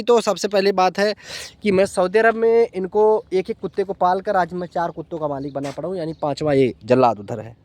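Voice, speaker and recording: A man's voice: high voice, no room sound. Playful Indian man with a lilt. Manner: playful, affectionate toward his dogs, coaxing and teasing. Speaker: vlogger. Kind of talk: casual vlog talk. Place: outdoors in the desert with dogs.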